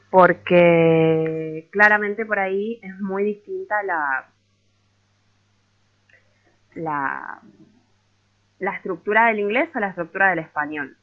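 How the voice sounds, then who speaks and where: Man teaching over a tinny call. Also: high-pitched. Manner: hesitant, explanatory, with frequent filler sounds. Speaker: workshop teacher. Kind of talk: online grammar workshop. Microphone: video call. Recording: tinny phone-like video call audio.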